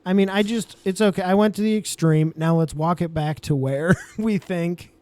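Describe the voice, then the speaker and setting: A man co-hosting a casual podcast who chimes in with quick reactions, jokes and his own theories. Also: sits high, dark tone. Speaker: podcast co-host. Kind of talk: casual chat.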